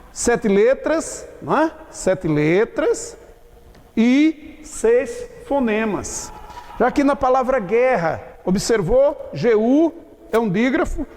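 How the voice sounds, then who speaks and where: A man teaching a grammar lesson, explaining slowly and often checking whether his students have understood. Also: sits high, darkish tone, long reverb tail. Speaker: Portuguese teacher. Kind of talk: classroom lecture.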